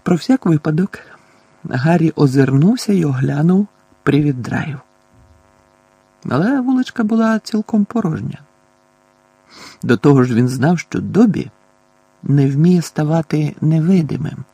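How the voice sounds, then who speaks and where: A man narrating an audiobook in a measured, expressive reading. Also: fairly high pitch, breathy edge, no echo.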